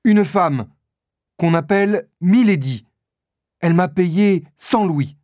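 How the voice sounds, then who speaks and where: A man's voice: high-pitched, takes it slowly, darkish tone, dry recording, clean studio sound, voice pushed up. A man voicing a wounded male hired assassin who confesses in a pleading tone.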